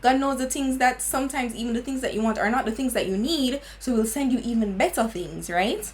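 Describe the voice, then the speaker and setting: A woman's voice: on the high side, fairly quick, slight background noise, poor audio. Jamaican woman in her twenties chatting. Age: 20s. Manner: earnest, laughing, slips into patois. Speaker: beauty vlogger. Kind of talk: casual chat.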